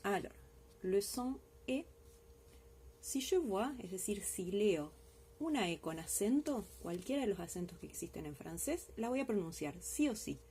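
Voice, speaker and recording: Patient woman teacher, mellow voice. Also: lowish voice, animated, normal speed, a little hiss or hum. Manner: patient, explains step by step and checks in with the class. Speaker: French teacher. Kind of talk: recorded language lesson.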